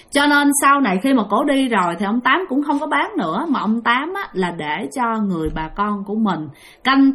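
A woman's voice: high voice, a bit bright. Chatty Southern Vietnamese woman storyteller. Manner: talks straight to listeners, repeats phrases. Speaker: ghost story host.

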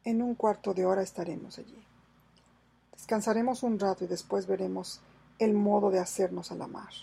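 A woman reading aloud and voicing a bold male pirate captain in a storybook adventure, firm and commanding, with a gravelly, husky voice. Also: medium pitch, fairly even intonation, moderate pace, dark tone, low-quality recording. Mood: resolute.

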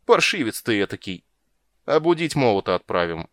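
A man's voice: on the low side, big pitch swings, moderate pace, fairly bright tone, no echo, clean studio sound. A man voicing a grumpy, capricious male sea king who grumbles and blusters in a storybook reading. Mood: blustering.

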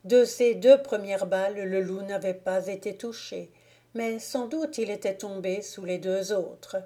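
Slow, mellow woman reading a novel. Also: medium pitch. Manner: slow, measured, soft-spoken reading. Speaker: audiobook reader. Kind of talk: scripted narration of a classic novel. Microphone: home recording, volunteer reader.

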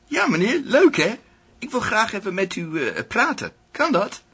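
A man's voice: sits high, wildly swooping pitch, normal speed, pushed and bright, husky, voice pushed up, exaggerated voice. A man voicing a cheerful, overly polite male tax official with a singsong, friendly manner. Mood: cheery.

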